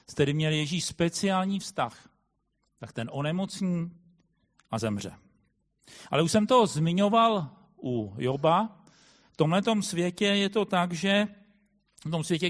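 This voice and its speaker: A man preaching a sermon in a thoughtful way, often pausing with hesitant fillers as he explains. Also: high voice. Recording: long hall reverb.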